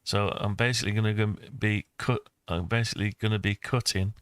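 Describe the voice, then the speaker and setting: An older man, a maker and video host, narrates a screen-recorded tutorial casually in a low, smooth voice, very flat as he rambles and thinks aloud. He speaks briskly, and the sound is close and dry with no echo, as from a desk microphone.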